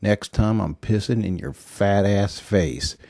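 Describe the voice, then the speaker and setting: A man's voice: lowish voice, takes it slowly, vocal fry, dark tone, no echo. A man doing a snarling, foul-mouthed selfish jerk. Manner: snarling, profane, dismissive. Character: crude, hot-tempered, selfish young man.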